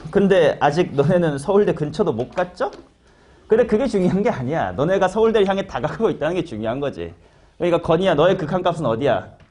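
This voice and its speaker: Man, math teacher, classroom lecture, high voice, animated pitch, casual and slangy, quizzes students.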